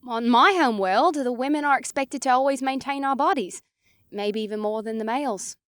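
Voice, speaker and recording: A woman's voice: sits high, normal speed, fairly bright tone, dry recording, studio quality. A woman voicing a tired, serious feline alien warrior who speaks formally in an audiobook. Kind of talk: audiobook character voice.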